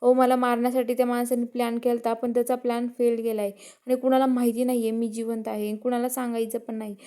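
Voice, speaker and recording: A woman's voice: on the high side, little pitch movement, quick pace, mellow, smooth. A woman retelling a television serial episode, narrating in third person and speaking each character's lines in her own plain voice. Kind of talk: storytelling recap with acted dialogue.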